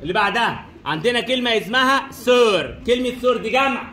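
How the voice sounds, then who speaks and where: A man's voice: very high voice, lively intonation, fast, crowd noise. A man teaching French in a classroom with an Egyptian Arabic accent, repeating each question and answer as he quizzes his students. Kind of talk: classroom lesson drilling answers. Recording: echoey room.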